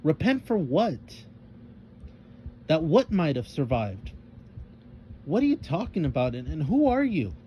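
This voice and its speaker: A man's voice: mid-range voice, sing-song, a little slow, few pauses, warm tone, highs cut off, a little hiss or hum. A man doing a grumpy, impatient girl. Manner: impatient, sarcastic.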